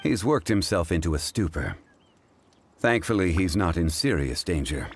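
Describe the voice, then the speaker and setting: Deep-voiced, composed scholarly gentleman. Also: expressive, noisy background. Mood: grave, thoughtful. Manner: measured, formal, pensive. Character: composed, scholarly gentleman, calm, formal and erudite. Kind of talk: video game voice acting.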